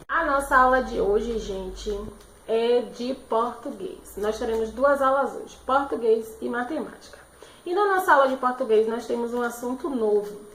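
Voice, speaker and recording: A woman primary school teacher giving a remote class lesson, talking slowly and warmly and checking in with her pupils as she explains. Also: fairly high pitch, reverberant, a little hiss or hum, low-quality recording. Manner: warm, slow and explaining, with frequent "né?" and "certo?".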